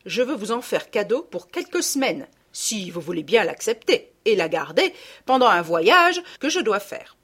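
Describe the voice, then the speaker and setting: A woman voicing a stout, bossy stepmother in a storybook reading, with a shrill, loud manner. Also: big pitch swings, normal speed, breathy edge. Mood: gushing. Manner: shrill, fawning then furious shouting.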